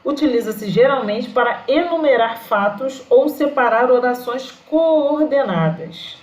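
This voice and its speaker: Woman teacher going slow thru a grammar lesson, higher voice, echoey room. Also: animated. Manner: slow, patient explaining with fillers.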